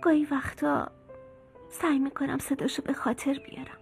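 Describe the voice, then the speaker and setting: A woman dubbing a kind young orphan girl in a film, talking gently and eagerly, softly hushed when sad, over faint music. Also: high voice, little pitch movement, creaky, in a whisper. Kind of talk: dubbed film dialogue.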